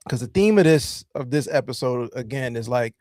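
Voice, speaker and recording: A man's voice: medium pitch, lively intonation, normal speed, darkish tone, no echo, clean studio sound. A man hosting a wrestling podcast, chatting casually and rambling with lots of fillers. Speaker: podcast host. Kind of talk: casual chat.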